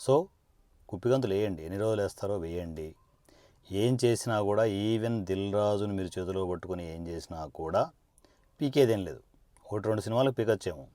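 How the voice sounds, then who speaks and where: Speaking directly to the camera, a politician delivers a combative, sarcastic monologue built on a rapid string of rhetorical questions. His voice is male, fairly low and mellow, the pace a little quick, with no room sound at all.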